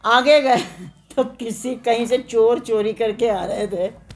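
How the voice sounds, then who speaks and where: A woman's voice: fairly high pitch, slow. A woman preacher with a north Indian Hindi accent gives a devotional discourse, telling a story with chanted refrains and acted-out quotes.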